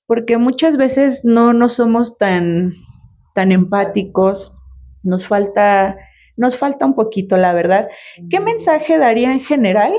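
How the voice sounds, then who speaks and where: A woman's voice: mid-range voice, mellow. A woman hosting a podcast interview, asking respectful, somewhat hesitant questions with many fillers. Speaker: podcast host.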